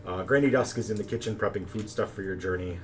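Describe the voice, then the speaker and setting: A man running a tabletop game as game master, narrating in a relaxed, chatty way with plenty of fillers. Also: lowish voice, fast talker. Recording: distant mic, faint background noise.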